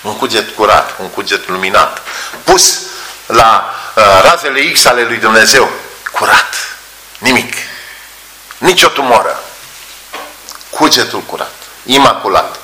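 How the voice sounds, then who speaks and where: A man's voice: fairly low pitch, long pauses, a little hiss or hum. A male preacher giving a sermon in a church hall, telling stories and acting out voices. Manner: animated storytelling, acts out voices. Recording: roomy echo.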